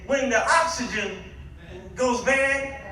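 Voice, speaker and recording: A guest preacher with a high, bright male voice delivers an animated, slow-paced sermon full of dramatic repeated punchlines. He uses call-and-response with a congregation answering him in the church sanctuary. The distant microphone captures a very echoey hall.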